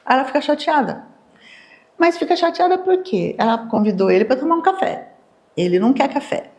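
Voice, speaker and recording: A woman with a Brazilian accent giving a live neuroscience lecture to an audience. She explains in a lively way and acts out everyday dialogues in quoted voices. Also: sits high, fairly quick.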